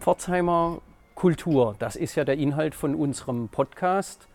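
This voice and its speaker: A man presenting a local culture podcast in a friendly, measured way, then interviewing people on the street. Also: fairly high pitch, a little mellow, a little hiss or hum. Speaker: podcast reporter.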